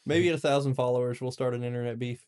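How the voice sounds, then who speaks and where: A man's voice: mid-range voice, fairly even intonation, fast, a little mellow. A man co-hosting a casual podcast, brash and jokey, swearing freely. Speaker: podcast co-host.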